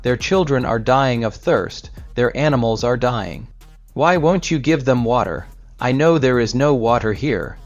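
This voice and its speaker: A man voicing a pious old man who stays calm and firm in his faith, read storybook-style. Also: medium pitch, measured pace, no room sound. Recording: slightly dull recording with soft music.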